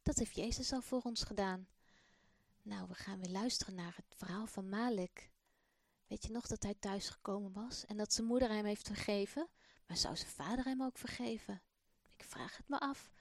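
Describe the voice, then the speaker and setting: A woman telling a Bible story to children, speaking gently and addressing them directly. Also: mid-range voice, moderate pace, no room sound, clean studio sound.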